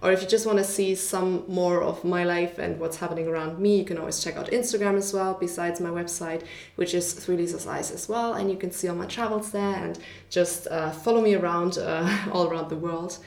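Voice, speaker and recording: A woman hosting a casual podcast interview, chatty and quick to laugh, with many fillers. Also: lowish voice, fairly even intonation, creaky, darkish tone, reverberant. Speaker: podcast host.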